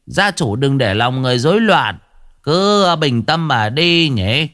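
A man's voice: mid-range voice, very animated, measured pace, fairly bright tone, pitched above the performer's own voice. A man voicing an old village Taoist exorcist, sonorous and chanting. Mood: soothing. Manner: sonorous, chanting, self-assured.

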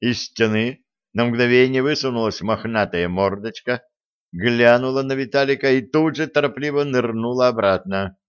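A man narrating a fantasy audiobook in an even, unhurried storytelling manner, on a dull lo-fi recording. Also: mid-range voice, clean tone.

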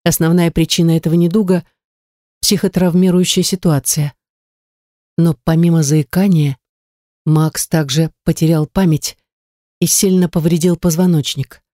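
A woman's voice: low-pitched, fairly even intonation, moderate pace, mellow, no room sound, clean studio sound. A woman narrating a first-person story in an emotive, dramatic reading. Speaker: audiobook narrator.

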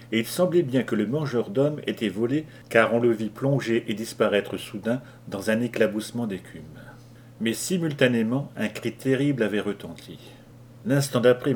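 A man narrating an audiobook with measured, dramatic delivery. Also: mid-range voice, darkish tone, slight background noise. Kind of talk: audiobook reading.

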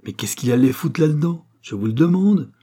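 A man's voice: mid-range voice, moderate pace, mellow, lightly acted. A man voicing an agitated farm woman who talks coarsely and sounds exasperated, in an audiobook. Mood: indignant. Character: agitated countrywoman, farmer's niece.

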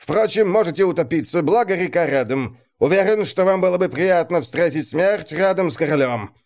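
A man's voice: fairly high pitch, lively intonation, normal speed, voice pushed up. A man voicing a dry, sardonic male adjutant who speaks with cool, mock-polite irony. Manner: coolly ironic, mock-polite. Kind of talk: audiobook character reading.

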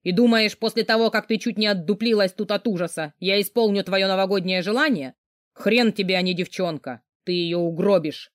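A woman voicing a gruff, burly male boss who barks rude commands and swears. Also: high voice, a little fast, no room sound, clean studio sound, close to an everyday voice. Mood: gruff angry.

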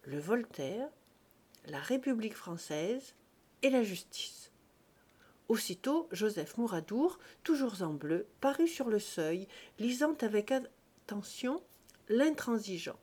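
A woman narrating a classic short story aloud, clear and expressive. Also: mid-range voice, slow pace. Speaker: reader. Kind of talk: literary reading.

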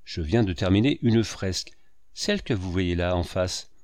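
A man's voice: deep voice, expressive, normal speed, darkish tone, no room sound, clean studio sound. A man reading the part of an impassioned painter who speaks earnestly and with emphasis. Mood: proud. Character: proud, impassioned male painter, hurt and pleading.

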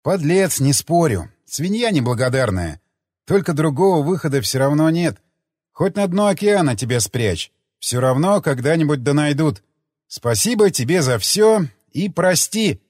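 A man as a husky, brooding weary soldier. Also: fairly high pitch, very animated, normal speed, a little mellow, no echo, studio quality, voice pushed up. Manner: sighing, gruff, brooding. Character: weary conflicted male soldier hero.

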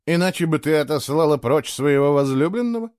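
A man voicing a grown man who speaks low and firm, a jealous lover turning tender, in a storybook reading. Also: expressive, a little slow, darkish tone, no echo, studio quality, natural voice. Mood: cold, jealous.

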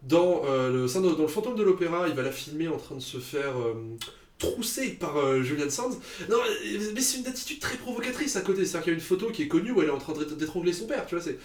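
A man's voice: on the high side, animated, quick pace. Chatty opinionated man in an echoey room. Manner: opinionated, chatty, with frequent fillers. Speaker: podcast co-host. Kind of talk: casual film chat.

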